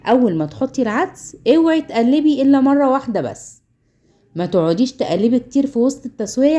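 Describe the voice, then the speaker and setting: Mellow-voiced Egyptian woman teaching cooking. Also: mid-range voice. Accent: Egyptian Arabic. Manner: chatty, instructive, repeats words for emphasis. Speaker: cooking channel host. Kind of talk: home cooking tutorial.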